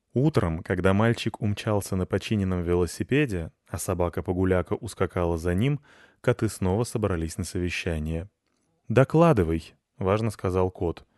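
A man reading a children's story aloud in a lively storytelling way. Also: lowish voice, no echo, clean studio sound. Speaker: narrator.

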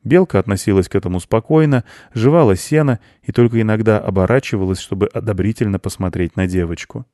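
A man calmly reading a children's story aloud, voicing the farmer in his own voice. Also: fairly low pitch, fast, hardly any pauses, no room sound, studio quality. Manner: calm storytelling, plain farmer voice for dialogue. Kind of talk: children's audiobook narration.

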